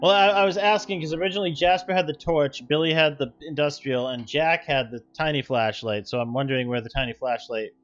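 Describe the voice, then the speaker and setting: Male game master, lightish pitch, casual narration, muffled voice-chat sound over prominent music. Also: fairly even intonation, fairly quick, hardly any pauses, fairly bright tone. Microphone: online voice call. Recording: dull lo-fi voice chat, music behind.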